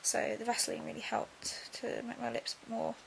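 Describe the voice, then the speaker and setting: Casting: young woman, very gravelly fry on a highish voice, drowsy post-surgery delivery, casual diary style. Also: expressive, moderate pace, a little hiss or hum. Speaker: vlogger.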